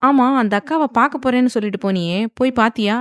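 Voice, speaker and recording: A woman's voice: on the high side, no echo, clean studio sound, voice pushed up, natural voice. Feisty, sassy young woman, as a narrator puts her on. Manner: sassy, quick retorts.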